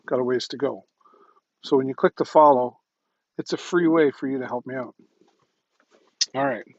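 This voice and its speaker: A man's voice: mid-range voice, moderate pace, a little mellow, no echo. Male livestream shopping host, casual and rambling, slightly worn voice, dry and muffled audio. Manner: rambling and chatty, with frequent ums and "right?". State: slightly losing his voice. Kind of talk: casual product demo livestream.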